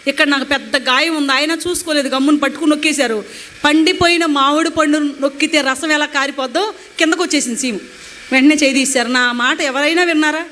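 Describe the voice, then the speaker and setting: Fast, high-voiced woman giving testimony. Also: a little hiss or hum. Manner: emotional, animated retelling with acted quotes. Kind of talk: personal testimony storytelling.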